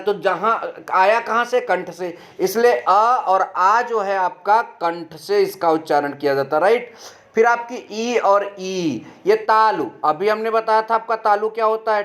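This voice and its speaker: In an online grammar lesson, a man with a high-pitched, fairly bright voice explains things step by step, posing questions and answering them himself. He draws out each letter sound slowly and clearly to demonstrate how it's produced.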